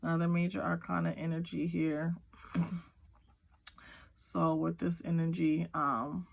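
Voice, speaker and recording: Woman doing a casual tarot reading, kinda gravelly, lots of ums, talks straight to u. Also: low voice, little pitch movement, unhurried, rough recording. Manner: rambling, filler-heavy, talks to viewer directly. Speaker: tarot reader. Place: at home with kids nearby.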